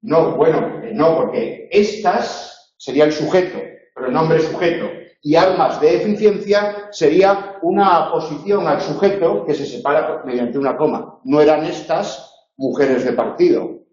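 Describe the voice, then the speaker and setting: A man from teaching a university tutorial, going through spelling examples slowly and checking in with "¿eh?". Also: a little high, darkish tone. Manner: slow, deliberate spelling drills with questioning "¿eh?". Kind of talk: recorded tutorial lecture. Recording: roomy, dull lecture recording.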